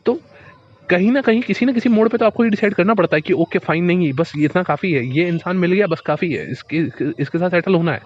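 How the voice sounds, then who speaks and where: A man delivers a motivational monologue in a casual, direct manner, speaking to the listener as a friend and circling back over his points. His voice sits a little high. The recording is dull and lo-fi. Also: fast.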